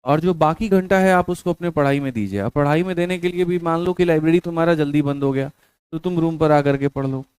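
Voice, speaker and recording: A man's voice: fairly high pitch, fast talker, a little mellow, clear, resonant tone, dry recording. A man giving colloquial motivational study advice to exam students, repeating his points and calling them brother.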